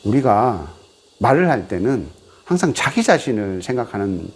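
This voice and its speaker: A man's voice: on the low side, moderate pace, slight background noise. A man, a Buddhist monk, giving a televised sermon, telling stories and acting out the people he quotes. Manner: animated storytelling, acting out quoted speech.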